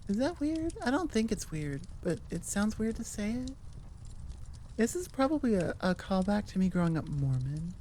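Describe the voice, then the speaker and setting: Her mid-range voice swings widely in pitch and carries a dark tone at normal speed as she delivers a casual, rambling outro for her audio channel. The host is self-deprecating and keeps wandering off topic while recording at a computer microphone into audio software. Slight background noise is audible.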